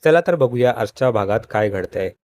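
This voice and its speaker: A man's voice: medium pitch, brisk, slight background noise. Man narrating a TV serial recap. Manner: steady storytelling, addresses viewers as friends. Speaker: show recap host.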